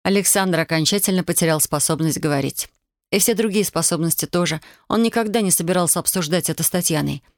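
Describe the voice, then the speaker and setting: A narrator reading an audiobook in an intimate, unhurried way. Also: mid-range voice, no room sound, clean studio sound.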